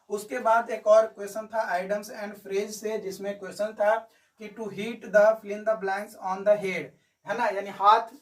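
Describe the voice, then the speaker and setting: A man's voice: sits high, distant mic. A male coaching teacher going through exam answers in a chatty video lesson, repeating his key points.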